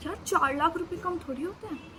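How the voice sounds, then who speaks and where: A woman's voice: extremely high pitch, a little fast, pushed and bright, slight background noise. A young woman vlogger telling a panicked personal story in casual chat, acting out her own lines dramatically. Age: young adult. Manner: dramatic, re-enacts panicked dialogue. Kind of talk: storytelling vlog.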